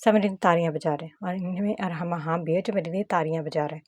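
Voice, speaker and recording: A woman voicing a feisty young wife who bickers with a sharp tongue. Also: fairly low pitch, fairly even intonation, fast talker, dry recording, clean studio sound, lightly acted. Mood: soft. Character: feisty young wife, quick-tempered secret agent.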